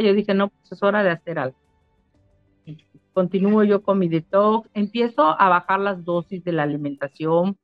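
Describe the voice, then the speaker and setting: Woman, middle-aged, chatty testimonial, repeats herself, mid pitch. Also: dry recording. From Mexico. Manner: emotional storytelling, repeats phrases. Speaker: spa owner giving a testimonial. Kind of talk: casual testimonial interview. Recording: dull lo-fi sound with faint music.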